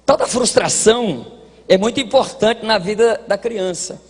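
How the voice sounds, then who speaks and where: A Brazilian man preaching a sermon at a church congress, folksy and joking, dropping to quiet asides and rising to shouted exhortation. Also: sits high, measured pace. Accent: Brazilian Portuguese. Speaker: pastor. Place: large church hall at a congress. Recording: hall reverb, long echo.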